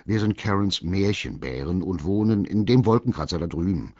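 A man's voice: deep voice, expressive, moderate pace, darkish tone, dry recording, highs cut off. A man voicing a timid male teddy bear who would rather stay home and tends to whine. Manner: hesitant, whiny.

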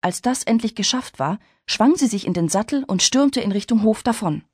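Lady reading an audiobook, calm steady storytelling, dry close mic. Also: medium pitch, moderate pace, husky, dry recording. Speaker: audiobook narrator. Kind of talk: scripted narration.

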